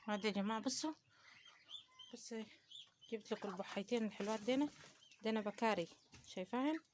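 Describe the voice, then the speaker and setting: Talking very fast in a mid-range voice, the host of a poultry-keeping channel, a woman from Upper Egypt with that region's Arabic accent, chats directly with viewers in a casual home vlog, offering advice and plenty of pious phrases amid slight background noise.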